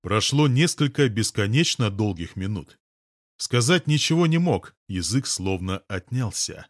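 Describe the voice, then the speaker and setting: A man narrating a first-person novel as an audiobook, with a steady, measured reading. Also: fairly low pitch, dry recording, clean studio sound.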